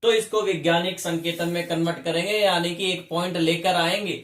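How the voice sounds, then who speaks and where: A man's voice: high voice, fairly even intonation, a little fast, a bit bright. A male chemistry teacher giving a classroom lesson, explaining step by step and often asking his students questions. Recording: echoey room.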